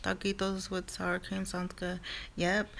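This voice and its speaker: A woman's voice: medium pitch, completely flat delivery, a little slow, vocal fry, a bit bright, slight background noise. A woman with a Mid-Atlantic US accent hosting an eating video, chatting in a laid-back, sassy way. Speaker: mukbang host. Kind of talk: casual mukbang chat.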